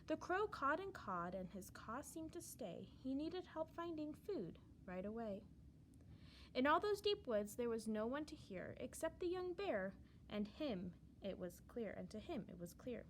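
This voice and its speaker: In a high voice and at a slightly slow pace, a woman narrates a rhyming children's tale, dramatically stressing the verse as her pitch lifts and dips with real liveliness. A faint noise lingers behind her.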